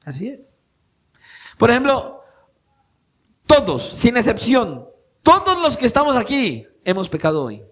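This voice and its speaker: A man, a pastor, preaching a sermon in church, swinging between raised emphatic passages and quiet intimate asides, with rhetorical questions put to the congregation. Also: very high voice, huge pitch swings, a little slow, long pauses.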